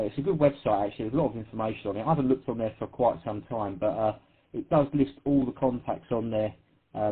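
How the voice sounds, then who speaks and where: A man's voice: fairly low pitch, husky. Chatty Essex man on a tinny radio net. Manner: chatty, self-deprecating, laughs easily. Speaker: net control host. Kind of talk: amateur radio net chat. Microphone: radio transceiver.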